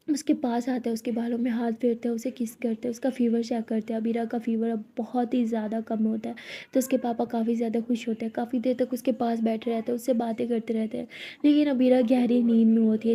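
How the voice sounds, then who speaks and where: A woman's voice: a little high, mellow, husky. A woman narrating a romantic story in a casual, chatty way. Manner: chatty, informal retelling.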